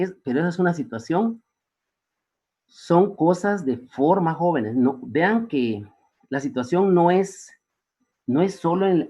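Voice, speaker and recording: A man's voice: medium pitch, a little mellow, husky, lo-fi sound. A man, lecturing his students and firing off rhetorical questions with frequent tag questions. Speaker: teacher.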